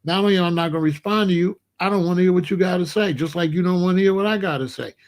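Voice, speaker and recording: His voice sits high and he races along as he rants to his chat during an unscripted live commentary stream that he hosts. The man is blunt and confrontational, repeating himself as he calls out a chatter.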